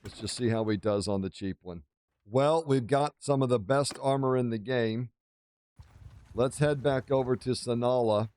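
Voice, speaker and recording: A man's voice: mid-range voice, moderate pace, a little mellow, clean tone, dry recording. A man giving casual, exclamatory commentary over a video game playthrough, with a playfully boastful manner. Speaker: gaming video host.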